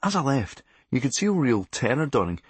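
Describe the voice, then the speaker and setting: With big swings in pitch, a Scottish man reads his own comic memoir aloud, a comedian delivering it with blunt, sardonic, darkly comic flair. The mid-range voice is husky and fairly quick, and the recording has no room sound.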